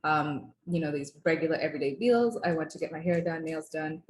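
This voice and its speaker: Low-voiced young woman in an echoey room. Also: a little fast, darkish tone, a little hiss or hum. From Uganda. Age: 20s. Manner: conversational, many fillers and restarts. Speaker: client giving a testimonial. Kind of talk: casual testimonial interview.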